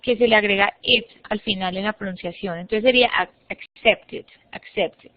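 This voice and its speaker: Patient teacher on a muffled online call. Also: female voice, mid-range voice, brisk. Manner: patient, explains step by step, models words for students to repeat. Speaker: English teacher. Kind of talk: online class instruction. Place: online classroom. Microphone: computer mic on a video call. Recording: muffled, dry online-class audio.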